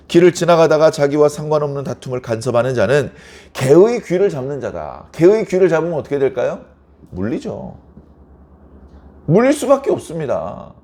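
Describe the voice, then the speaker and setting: Animated, mellow-voiced male pastor preaching. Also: on the high side. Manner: conversational, asks the congregation rhetorical questions; acts out everyday quarrels in lively voices. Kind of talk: early-morning sermon.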